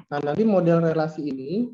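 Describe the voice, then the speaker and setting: A man with a hoarse voice giving an online lab lecture, hesitating with many fillers and clearing his throat often. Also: a little high, measured pace, warm tone. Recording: dull lo-fi online call audio.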